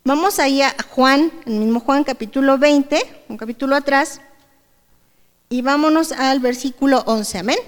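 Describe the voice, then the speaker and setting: A Mexican woman preaches to her congregation in a relaxed, conversational way. She keeps asking them questions as she goes. Her voice sits high, and a long reverb trails behind her words. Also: normal speed. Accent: Mexican Spanish. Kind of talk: sermon. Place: church service hall. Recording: reverberant church hall.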